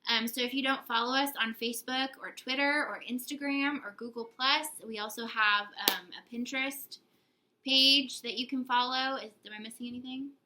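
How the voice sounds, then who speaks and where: A woman's voice: sits high, steady tone, normal speed, pushed and bright, slight background noise, poor audio. A young woman co-hosting a casual book haul video, chatty and giggly, teasing herself as she talks. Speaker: book channel co-host.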